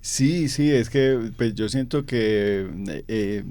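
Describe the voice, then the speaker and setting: A young Colombian man with a paisa accent gives thoughtful, reflective answers as an interview guest, filling them with fillers and repeated words. He takes his time, speaking in a medium-pitched voice that's dark and smooth, recorded with no echo.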